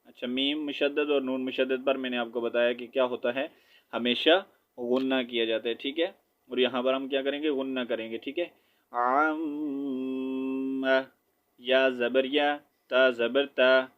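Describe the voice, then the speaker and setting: A man with a Pakistani Urdu accent teaching Quran recitation online, patiently spelling out syllables and reciting slowly with frequent "theek hai". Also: medium pitch, fairly even intonation, dull audio.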